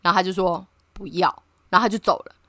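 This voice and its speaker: Woman, quick talker, bright and sharp tone, dry close sound, animated casual storytelling with laughs. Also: mid-range voice, no echo. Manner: animated, laughs often while telling a story. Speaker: podcast co-host. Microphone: remote online call.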